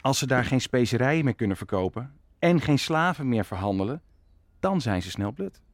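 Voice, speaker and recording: An actor playing an ambitious, calculating prince in a historical radio play, persuasive and commanding. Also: male voice, medium pitch, very animated, brisk, no room sound. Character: scheming Dutch prince, ambitious and calculating statesman. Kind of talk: audio drama acting.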